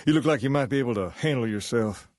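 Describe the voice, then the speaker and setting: A male actor voices a charismatic gang boss styled on a rock-and-roll idol. He has a Southern US drawl at a middling pitch and talks in a folksy, measured, self-assured way. It is game dialogue with a dry, close sound. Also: a little mellow, no room sound, lightly acted. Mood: wry, businesslike. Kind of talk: video game character dialogue.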